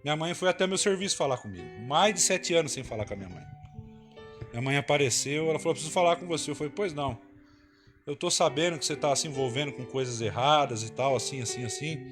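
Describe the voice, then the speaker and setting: A man's voice: fairly high pitch, quick pace, fairly bright tone, faint music behind. A man giving an emotional, earnest personal testimony in church, telling his story with frequent tag questions.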